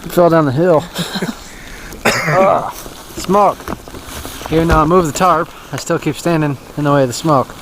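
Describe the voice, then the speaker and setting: A man's voice: a little high, unhurried, long pauses, background noise. Easygoing man narrating a snowy camp vlog. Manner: easygoing, chuckling, rambling with fillers. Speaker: outdoor vlogger. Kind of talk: casual camping vlog narration. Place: snowy campsite outdoors by a fire at night. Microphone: action camera.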